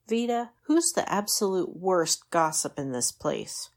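A woman's voice: fairly low pitch, lively intonation, unhurried. A woman playing a shrewd, commanding female gunslinger who leads her gang, dry and decisive, in a comic Western audio drama.

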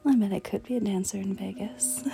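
In an intimate audio roleplay, a woman speaks in a flirty, playful manner peppered with retro slang, frequently slipping into breathy whispers and giggles. Her voice is medium-pitched and warm.

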